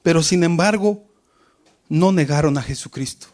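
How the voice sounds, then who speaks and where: Man, preacher, sermon, high voice, swells and drops for emphasis. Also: moderate pace, darkish tone. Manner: preaches with rising and falling emphasis, often addressing "querido hermano".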